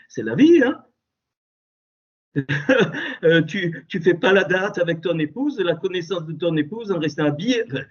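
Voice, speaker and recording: A man with a strong, husky voice pitched a little high delivers a fervent Torah teaching. He swings between soft asides and loud, exclamatory outbursts, his pitch rising and falling widely. It comes through dull, lo-fi Skype call audio. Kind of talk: impassioned religious teaching. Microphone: computer mic on a Skype call.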